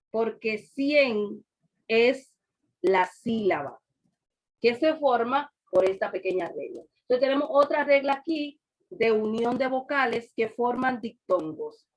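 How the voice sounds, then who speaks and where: A woman's voice: a little high, unhurried. A woman teaching a class over a video call, patiently repeating examples and quizzing her students. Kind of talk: online class lecture.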